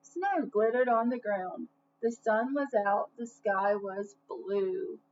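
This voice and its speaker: A woman of medium pitch reads a storybook slowly and expressively for children, addressing them as young listeners would be addressed. She mixes in asides and questions for her audience. The recording is dull and lo-fi, with faint noise.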